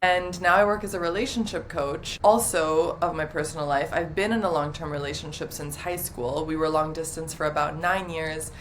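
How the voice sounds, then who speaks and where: This interview guest has a deep voice, fairly even intonation and a moderate pace, barely pausing as a little hiss or hum sits in the background. She is a twenty-something relationship coach, half Dominican and half Italian and partly brought up in the US, who talks casually, warmly and openly with many "like" fillers.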